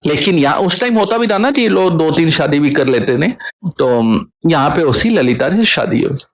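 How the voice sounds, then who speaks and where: A man's voice: fairly high pitch, expressive, moderate pace, low-quality recording. A man telling a devotional story in a chatty way, often stopping to check in with his listeners. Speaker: katha storyteller.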